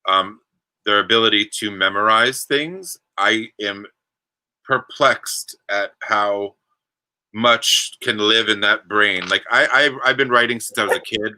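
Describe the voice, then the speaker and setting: A male show host with a lowish voice and a very sharp, bright tone. He chats casually and haltingly, doubling back on his words as he interviews. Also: poor audio. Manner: halting, repeats words as he gathers thoughts. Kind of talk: casual, unscripted interview chat.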